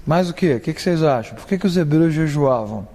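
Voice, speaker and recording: Man, Bible class teacher, high voice, chatty, quizzes the class, long reverb hall. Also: expressive, fairly quick, noisy background. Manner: conversational, asks the class questions, acts out examples.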